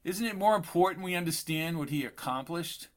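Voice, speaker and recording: A man's voice: a little high, fairly quick, voice pushed up, lightly acted. A man doing an earnest souvenir seller. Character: young man selling Kennedy souvenirs, earnest.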